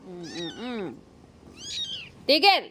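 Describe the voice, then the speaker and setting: A woman's voice: fairly high pitch, very animated, extremely slow, very noisy. A woman vlogger talking playfully to her pet kittens, cooing, teasing, squealing and laughing. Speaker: vlogger and coach.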